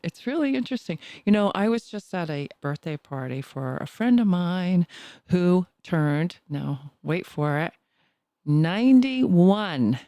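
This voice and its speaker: A woman's voice: on the low side, sing-song, measured pace, mellow, dry recording, studio quality. A woman in her sixties co-hosting a podcast, chatting casually and teasing playfully. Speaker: podcast co-host. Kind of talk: casual chat.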